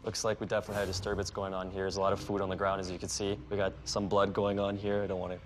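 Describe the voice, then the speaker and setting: A man's voice: low voice, completely flat delivery, soft background music. A young man, the target of a prank, reacting casually in a small diner and often saying "man". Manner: quick, casual, says man a lot. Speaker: prank target riding along as guest host. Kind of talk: casual reactions on a hidden-camera show.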